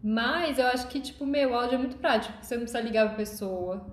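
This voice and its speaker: A woman with a Brazilian Portuguese accent co-hosting a casual podcast with friends, talkative and quick to argue her point. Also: fairly high pitch. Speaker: podcast co-host. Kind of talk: casual chat among friends. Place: friend's home. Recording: roomy home recording, faint hiss.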